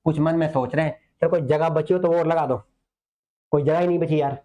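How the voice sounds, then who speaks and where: High-voiced chemistry teacher coaxing students. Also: male voice, steady tone, brisk, dark tone. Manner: coaxing, asks questions then answers himself. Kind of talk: online exam-prep lecture.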